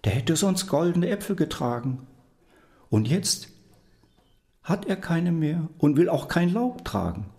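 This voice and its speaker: A fussy, scolding old grandmother, as a storyteller puts her on, her voice pitched high above his own and often sinking into a hushed half-whisper. She chides and coaxes in a gravelly, slow storybook manner, her melody rising and falling widely. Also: big pitch swings. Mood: coaxing.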